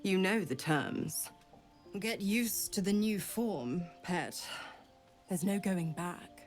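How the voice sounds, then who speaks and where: A scheming female devil from a video game. She drawls in a purring, mocking voice, stretching her words slowly. Her pitch rises and falls widely. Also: animated, faint music behind.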